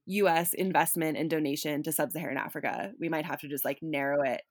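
A woman with a low voice hosts a casual podcast conversation. She rambles a little, filling pauses and restarting her thoughts. The sound is dry and close. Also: no echo. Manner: rambling, many fillers and restarts. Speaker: podcast host.

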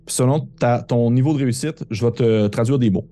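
Québécois guy running a tabletop game, mellow dark voice, rambles and trails off with lots of euhs. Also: mid-range voice. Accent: Québécois French. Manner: rambling, halting explanations full of fillers. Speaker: game master.

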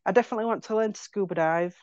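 A friendly, relaxed woman guest, an artist, chatting about herself. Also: medium pitch, very fast, clear, resonant tone, no room sound. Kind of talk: casual chat. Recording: dull phone call.

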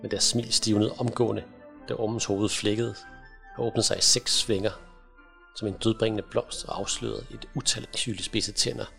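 A man narrating a fantasy audiobook in a measured, dramatic storytelling manner. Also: fairly low pitch, level tone, vocal fry, bright, forceful tone, faint music behind.

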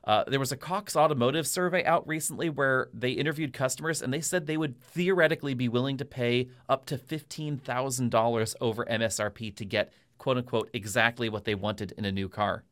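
A man's voice: medium pitch, brisk, few pauses, a bit bright. A man speaking as a podcast commentator, giving conversational analysis in an explanatory, long-winded way. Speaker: automotive industry commentator on a podcast.

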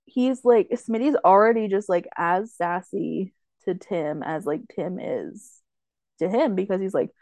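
A woman's voice: medium pitch, measured pace, darkish tone, dry recording. A woman co-hosting a podcast, chatting casually and recapping episodes with lots of fillers. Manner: chatty, many fillers, quotes characters with laughs. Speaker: podcast co-host. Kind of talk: casual chat recapping a TV show.

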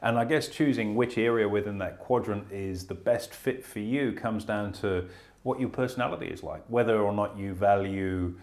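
A man's voice: lowish voice, moderate pace, darkish tone. A man hosting a casual talk show, speaking earnestly and often restarting his sentences. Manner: earnest, self-correcting, stammers on restarts. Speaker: host. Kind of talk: casual podcast chat about investing.

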